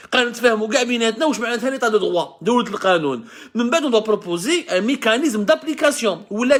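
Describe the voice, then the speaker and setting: A man's voice: sits high, fairly bright tone. A man in his thirties with an Algerian accent, hosting a live online show as an impassioned monologue, often restarting and correcting himself mid-sentence.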